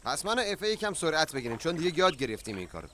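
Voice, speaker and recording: An actor dubbing a hot-tempered, excitable young man in a TV drama. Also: a little high, a little hiss or hum. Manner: excitable, quick to complain. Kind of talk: dubbed TV drama. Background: music.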